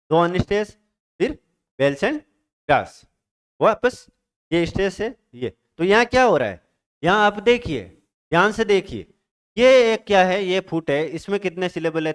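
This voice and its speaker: A man's voice: high voice, clean tone. A man teaching a lecture on poetic meter, asking his own questions and answering them, with English terms mixed in. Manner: mixes English terms into Hindi.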